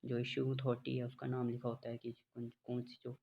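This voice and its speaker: A man gives a lecture in a flat, gravelly voice, pausing often with fillers and reading definitions very slowly. The recording is dull and lo-fi, with faint noise behind him. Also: medium pitch. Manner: explains slowly with many fillers, reads English lines very slowly. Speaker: teacher. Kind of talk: classroom lecture.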